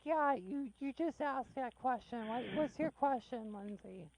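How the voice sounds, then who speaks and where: High-voiced blunt woman hosting a call-in show. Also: lively intonation, measured pace, darkish tone, a little hiss or hum, poor audio. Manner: blunt, joking, rambling. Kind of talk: casual call-in radio chat.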